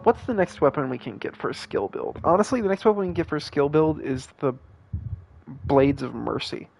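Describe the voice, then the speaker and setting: A tired young gaming streamer, voice a little high with vocal fry, yawns his way through rambling casual commentary. It's full of fillers, restarts and swearing, with game music playing underneath.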